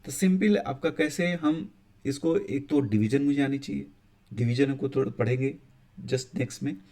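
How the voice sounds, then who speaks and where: The voice is warm and medium in pitch: a man teaching maths in a casual, explanatory manner. He regularly checks in with his students with "ठीक है" and sometimes restarts his sentences.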